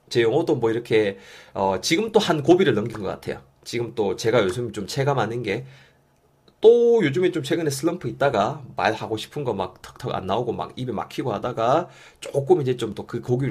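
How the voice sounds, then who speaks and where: Lively husky man teaching. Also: mid-range voice. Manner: encouraging, drills pronunciation for listeners to repeat. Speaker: English teacher. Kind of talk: online English lesson.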